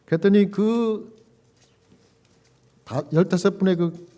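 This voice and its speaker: Animated Korean pastor man telling a story. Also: high voice, takes it slowly. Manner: animated storytelling with laughs and quoted dialogue. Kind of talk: sermon storytelling.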